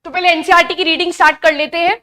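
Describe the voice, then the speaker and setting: A young woman giving a live online biology lesson, chatty and asking her students questions, reading textbook lines slowly before explaining them. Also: very high voice, flat delivery, sharp tone. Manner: reads English textbook lines slowly, then explains in Hindi. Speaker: biology teacher. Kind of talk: live online class lecture.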